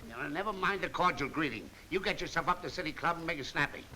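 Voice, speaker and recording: Bossy wisecracking party hack, sharp swooping voice, slangy, hissy old 1930s film sound. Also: male voice, fairly high pitch, animated, fast talker, poor audio. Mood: impatient, scornful. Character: brusque, cynical, slangy political boss. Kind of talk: 1930s comedy film acting.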